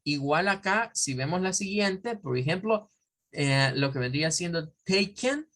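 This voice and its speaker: This male teacher has a high, animated, somewhat bright voice and speaks a little slowly. He teaches English pronunciation online in Central American Spanish, repeating example words for practice and explaining with care. Between explanations he looks words up in an online dictionary.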